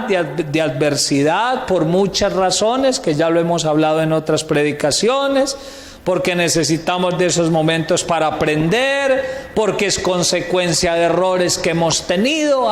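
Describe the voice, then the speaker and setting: High-voiced pastor preaching in an echoey hall. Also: male voice, expressive, measured pace. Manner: asks the congregation questions and answers them himself; keeps addressing listeners as "brother". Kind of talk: sermon. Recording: echoey hall with long reverb, faint noise.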